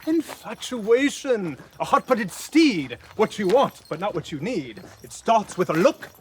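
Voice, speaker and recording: An actor playing a witty, bossy male court fool who trades in quick, teasing, rhyming quips in an outdoor stage play. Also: high voice, sing-song. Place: outdoors on a farm. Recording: outdoor stage recording with light noise.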